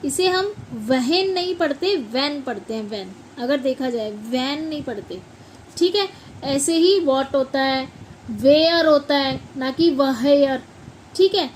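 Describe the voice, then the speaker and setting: High-voiced woman teaching letter by letter. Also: animated, unhurried, a little hiss or hum, poor audio. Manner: spells words letter by letter and repeats them; checks in with listeners often. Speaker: English teacher. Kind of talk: classroom explanation.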